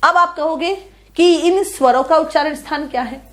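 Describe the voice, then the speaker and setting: High-voiced woman tutor teaching a lesson. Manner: explains patiently, checks understanding with repeated questions; recites sounds slowly one by one. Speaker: online tutor. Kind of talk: classroom grammar lesson.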